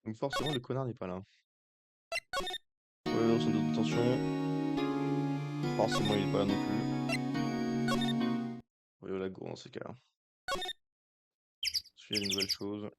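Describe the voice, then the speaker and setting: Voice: mid-range voice, little pitch movement, unhurried, long pauses. A let's-play commentator giving casual, joking gameplay commentary full of slang and swearing. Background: loud game music.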